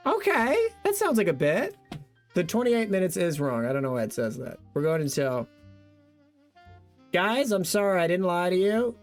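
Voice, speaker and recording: Young male streamer, casual self-mocking chat, animated pitch, faint guitar music under. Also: normal speed. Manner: reads old joke notes aloud, laughing at himself, thanking donors.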